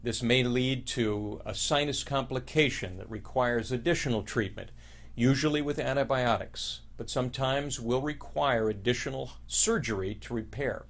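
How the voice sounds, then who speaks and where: A middle-aged oral surgeon in an educational video. He explains in a calm, formal, measured way, as scripted narration at an average male pitch. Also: creaky. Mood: measured, explanatory. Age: 50s.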